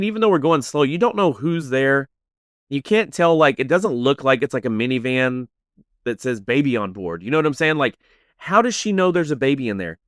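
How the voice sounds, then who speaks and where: Animated male podcast storyteller. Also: mid-range voice, no echo, clean studio sound. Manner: animated, many "like"s, acts out voices.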